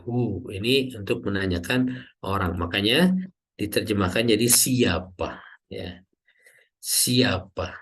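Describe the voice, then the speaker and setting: A man teaching an online Arabic grammar lesson at an unhurried pace and a middle pitch. He stretches out each example word and keeps checking in with short confirming words. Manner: slow, drawn-out teacher's explanation with frequent "ya" checks.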